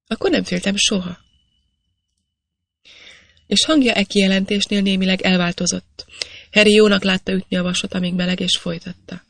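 An audiobook narrator reading a classic novel aloud in a measured storytelling manner. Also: medium pitch, fairly even intonation, a bit bright, no echo.

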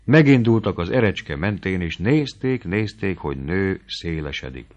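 Male audiobook narrator, low-pitched, expressive and dramatic; dull muffled recording. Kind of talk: audiobook reading of a classic novel.

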